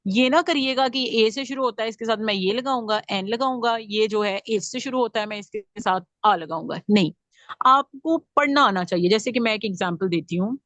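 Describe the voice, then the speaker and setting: A woman's voice: on the high side, moderate pace, a bit bright, no echo. Woman teaching grammar, dry close sound. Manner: explains patiently, checks in with "theek hai" often. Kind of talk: classroom grammar lecture.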